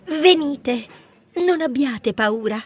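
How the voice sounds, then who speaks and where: A man's voice: extremely high pitch, lively intonation, slow pace, slightly rough, voice pushed up, full character voice. Persephone: a man voicing a coaxing underworld queen.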